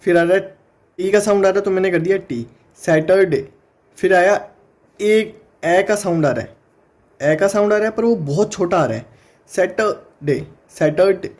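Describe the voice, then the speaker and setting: With an Indian accent, a man teaches an exam-prep phonetics lesson, explaining step by step and sounding words out slowly. His voice sits high and is a little mellow.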